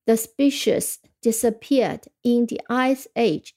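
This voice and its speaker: On a radio lesson, a woman with a fairly high-pitched voice teaches English vocabulary, reading example sentences slowly before explaining them in a relaxed, chatty way. She tends to end her phrases with the filler "啊".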